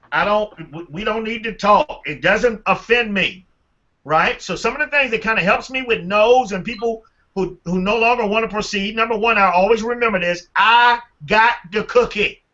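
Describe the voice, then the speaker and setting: A man leading a motivational team training call, energetic and animated, calling on listeners by name. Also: high-pitched, highs cut off. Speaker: team leader.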